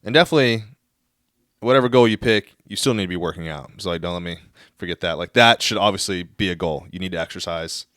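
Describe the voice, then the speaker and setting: A man's voice: low voice, quick pace, fairly bright tone, no room sound, studio quality. A man co-hosting a podcast, talking earnestly and rambling through his thoughts. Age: 30s. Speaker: podcast co-host, golf fitness coach. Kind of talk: casual podcast chat.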